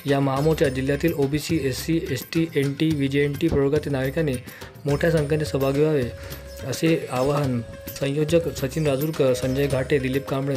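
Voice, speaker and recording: Male news voice-over, monotone and quick, faint music bed under it. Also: fairly high pitch. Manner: flat, rapid formal reading. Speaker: news reader.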